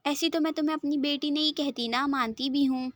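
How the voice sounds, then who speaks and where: A woman's voice: high voice, steady tone, brisk, dry recording, natural voice. A woman voicing a doting, forgiving middle-aged mother who speaks in a soothing, reassuring way, in a dry recording. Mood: soothing, teasing.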